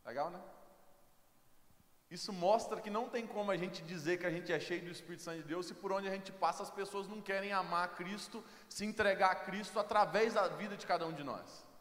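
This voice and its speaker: High-voiced Brazilian preacher, echoey church. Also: male voice, brisk. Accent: Brazilian Portuguese. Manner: lively storytelling with humor, rising to emphatic calls. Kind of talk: sermon. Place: church hall. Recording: echoey church hall, faint music.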